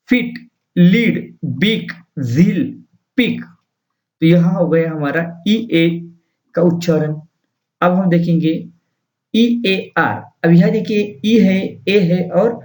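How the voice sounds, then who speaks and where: A man teaching English phonics in a slow lesson, sounding out words one by one. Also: high-pitched, darkish tone, distant mic.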